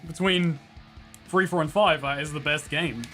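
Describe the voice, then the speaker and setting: A man's voice: fairly high pitch, fairly even intonation, normal speed, bright, forceful tone, faint music behind. Laughing, swearing male streamer. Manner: swearing, laughing, playfully exasperated. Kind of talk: casual chat while streaming a game.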